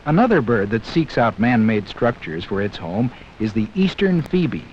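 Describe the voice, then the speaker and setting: A male narrator addresses young viewers in a 1960s film whose soundtrack is dull with slight hiss. The pitch is middle-of-the-road but swings about lively. The style is scripted, measured and instructional.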